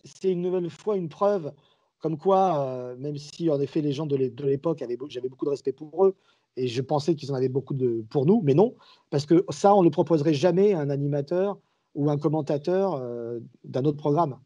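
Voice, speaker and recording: A man's voice: on the high side, a little fast, lo-fi sound. A man, a guest commentator, telling anecdotes in a casual podcast chat and acting out the dialogue as he goes. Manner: lively storyteller who acts out dialogue. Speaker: guest, sports and wrestling commentator.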